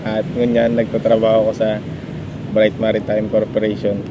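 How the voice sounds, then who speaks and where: A man's voice: fairly low pitch, completely flat delivery, normal speed, highs cut off. A man from Bicol with a Bicolano Filipino accent, casually answering questions as a guest. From Bicol, Philippines. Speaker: interview guest, seaman by training. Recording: clearly noisy urban background.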